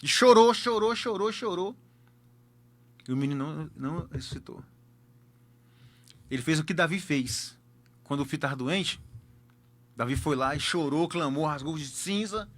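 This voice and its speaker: A man's voice: on the high side, normal speed, pauses often, a bit bright. A man with a Brazilian accent, a pastor telling a personal testimony emphatically and repeating key words for effect.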